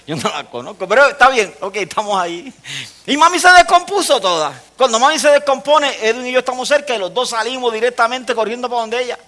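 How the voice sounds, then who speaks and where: High, bright-voiced man preaching. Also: lively intonation, fairly quick. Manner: storytelling, often dropping low and soft for emphasis. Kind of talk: sermon with a personal story.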